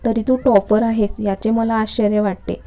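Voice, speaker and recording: A woman's voice: a little high, flat delivery, moderate pace, dark tone, natural voice. A woman reading the part of an irritable young male college lecturer in a story, speaking in a curt, scolding manner. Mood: irritated.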